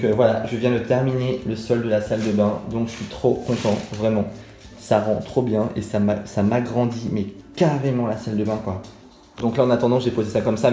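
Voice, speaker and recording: Chatty young man, mellow voice. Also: fairly low pitch. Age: 20s. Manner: chatty, enthusiastic, lots of fillers. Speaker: vlogger. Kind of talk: casual vlog chat to camera. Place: small bathroom at home, resonant.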